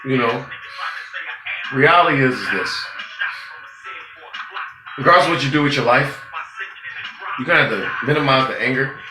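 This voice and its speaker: A man giving a profane, preachy street-talk monologue, swinging between loud outbursts and low muttering. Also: moderate pace, long pauses. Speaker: vlogger. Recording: roomy, with music playing behind.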